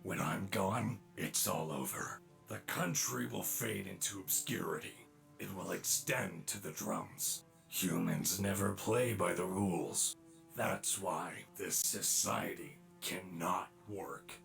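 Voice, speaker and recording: An actor playing a bitter, commanding robot villain in a dramatic video game. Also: male voice, sits low, slow pace, creaky, fairly bright tone, soft background music, heavily acted. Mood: grim, accusing.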